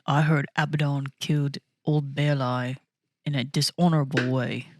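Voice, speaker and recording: A man's voice: medium pitch, flat delivery, moderate pace, dry recording, clean studio sound, voice pushed down, natural voice. A man voicing a male ork warrior in a shaky mock-Cockney accent for an improvised in-character debate, trying hard and often slipping into giggles. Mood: arguing. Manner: tries hard but keeps dropping into giggles.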